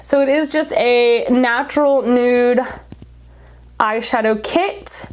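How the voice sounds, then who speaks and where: A woman's voice: fairly high pitch, slow. Breathless woman doing a casual makeup review. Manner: informal, blunt, jokey asides. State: breathless, congested from spring allergies. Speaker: beauty vlogger reviewing makeup. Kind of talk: casual chat to camera while applying makeup.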